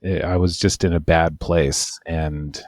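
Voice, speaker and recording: A man's voice: sits low, flat delivery, slow pace, no room sound, clean studio sound. A man, an immigration lawyer, telling a long, wry, rambling story in casual podcast chat.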